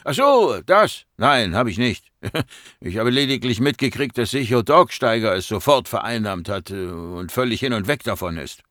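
A man's voice: medium pitch, sing-song, normal speed, fairly bright tone, dry recording, clean studio sound. A man voicing a distracted male archaeologist who talks in a chatty, offhand way, his voice raised above his narrating voice.

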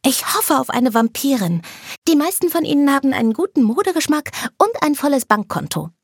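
A woman's voice: high-pitched, big pitch swings, brisk, dry recording, clean studio sound, voice pushed up. A woman reading a story aloud, voicing a bubbly, eager teenage schoolgirl who gushes over fashion. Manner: eager, gushing.

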